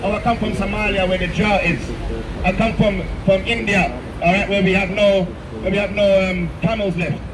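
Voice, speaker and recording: A man's voice: high-pitched, flat delivery, normal speed. A man with a London accent preaching emphatically on a busy city street, ending lines with "man" and "all right?". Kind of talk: open-air street preaching. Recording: echoey street sound from far off, crowd noise.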